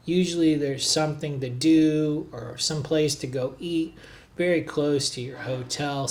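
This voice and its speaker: An easygoing travel vlogger and hotel reviewer narrates in an unhurried, conversational tone at a middle pitch, using lots of small filler words as he shows places off. His casual voice-over was recorded on the road in a noisy city.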